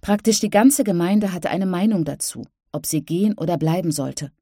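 A woman reading a children's story aloud as narrator in an even storytelling manner. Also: lowish voice, normal speed, husky, no echo, studio quality. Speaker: audiobook narrator. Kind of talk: scripted narration.

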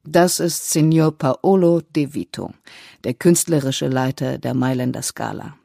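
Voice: medium pitch, a little slow, creaky, warm tone, dry recording, studio quality. A narrator voicing a man who is a proud singing teacher introducing his student. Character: older male singing teacher, proud mentor.

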